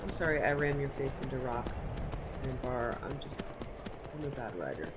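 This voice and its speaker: A woman's voice: a bass voice, lively intonation, moderate pace, very noisy. A woman giving casual, chatty gameplay commentary, informally talking to herself as she plays. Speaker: game streamer. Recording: loud game ambience under voice.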